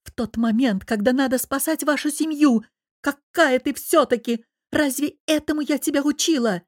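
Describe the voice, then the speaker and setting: A woman voicing an emotional middle-aged mother who flares up and speaks in a shrill, reproachful tone. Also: normal speed, no room sound, studio quality, natural voice.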